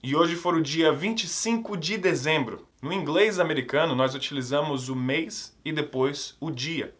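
A man teaching English, quick in his explanations and slow and clear when he models words for repetition. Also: on the high side. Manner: drills words slowly for students to repeat; explains quickly in a lively, upbeat way. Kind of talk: online English lesson for Portuguese speakers.

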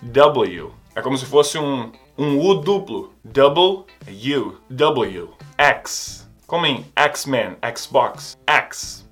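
A man's voice: medium pitch, expressive, extremely slow, hardly any pauses, a bit bright, soft background music. A Brazilian man teaching English pronunciation, patiently repeating each sound for the listener to copy. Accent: Brazilian Portuguese. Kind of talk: language lesson.

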